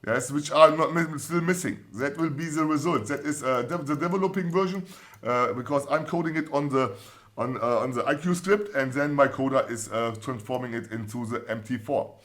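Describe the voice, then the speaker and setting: A man's voice: medium pitch, a bit bright. A man with a German accent hosting a trading channel, reading viewer comments in casual, encouraging talk full of fillers and restarts. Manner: halting, many fillers and restarts, repeats set phrases; upbeat, encouraging.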